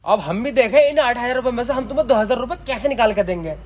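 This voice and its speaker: A man's voice: very high voice, fast talker, over music. A man acting in a comedy sketch, bossy and scheming.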